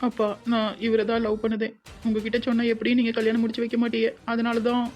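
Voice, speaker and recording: A woman's voice: fairly high pitch, fast, soft background music, natural voice. A woman voicing a young bride who pleads with her parents in a cartoon, with a Tirunelveli Tamil accent. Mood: pleading. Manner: pleading and flat. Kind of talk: cartoon voice acting.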